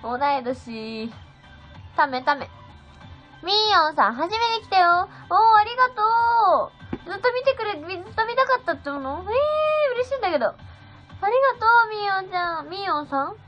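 A woman's voice: very high-pitched, big pitch swings, moderate pace, a bit bright. A seventeen-year-old girl chatting on a phone livestream, bubbly and thanking viewers one by one. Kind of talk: casual livestream chat reading viewer comments. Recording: slightly dull sound with faint music.

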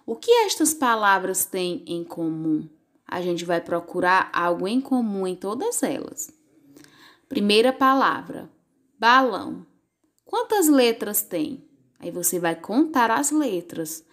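A woman teacher talks young pupils through a lesson at an unhurried, deliberate pace. Her voice sits in an ordinary middle register. She draws out words clearly so children can follow along. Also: medium pitch.

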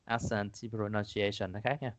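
A man's voice: lowish voice, fairly even intonation, moderate pace, no echo. A man teaching an online exam-prep class in a casual, chatty way, repeating his points and laughing often. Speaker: English teacher.

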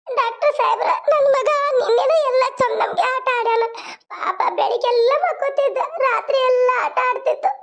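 A woman's voice: very high-pitched, normal speed, vocal fry, voice pushed up. A woman voicing a desperate young village mother who begs and sobs, in a North Karnataka Kannada accent, for a cartoon. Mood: sobbing. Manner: sobbing, begging. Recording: lo-fi phone-like sound.

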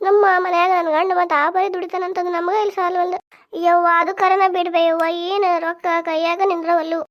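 A woman's voice: very high-pitched, little pitch movement, muffled recording. A woman voicing a middle-aged village wife, who nags and complains about her drunkard husband in a cartoon comedy. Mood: complaining. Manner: nagging, complaining, quick scolding.

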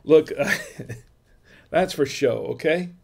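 Speaking extremely slowly, this man has a gravelly, darkish voice that leans high. He's an older Floridian from the USA running a wine vlog at home, chatting into a desk webcam with shelves of wine bottles around him. The talk wanders like a loose livestream, peppered with fillers and little chuckles.

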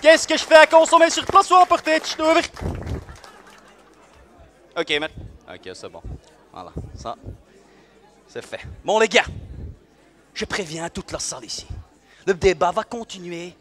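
A man playing a brash, swaggering, bigoted police officer in a live comic sketch, mocking and bursting into sudden shouts. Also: high-pitched, wildly swooping pitch, measured pace, long pauses, a faint crowd, exaggerated voice. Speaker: comedian at a live event. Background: faint audience in a room.

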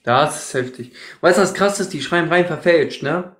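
A man's voice: fairly high pitch, moderate pace, a bit bright. Combative man ranting in an echoey room. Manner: combative, scolding, repeats accusations. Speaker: livestream host. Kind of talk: heated religious debate livestream.

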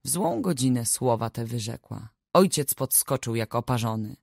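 A woman narrating a family saga audiobook in a measured, expressive reading on a close studio mic. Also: extremely low pitch, vocal fry, no echo. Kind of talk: scripted narration.

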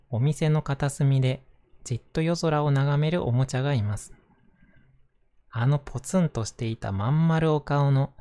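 A man gently narrating a picture book in a soothing manner, as if reading to a child at bedtime. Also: medium pitch. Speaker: storyteller reading picture books aloud to listeners.

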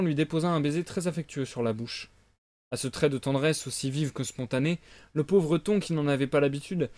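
Lecteur masculin de conte, narration posée, son sec et proche. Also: male voice, a little high, darkish tone, no echo. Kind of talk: lecture de conte en direct.

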